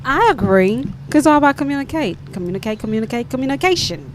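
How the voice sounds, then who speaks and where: A woman's voice: sits high, fast. A woman with a Southern US accent, talking animatedly in a casual panel chat. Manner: animated, laughing, talkative. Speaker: panel guest. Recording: noisy background.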